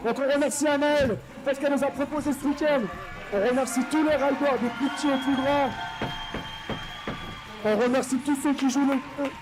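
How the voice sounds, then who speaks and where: A man's voice: very high voice, low-quality recording. A man announcing a live skate contest, teasing the riders and urging the crowd to cheer. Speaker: event announcer. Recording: live event audio with music behind.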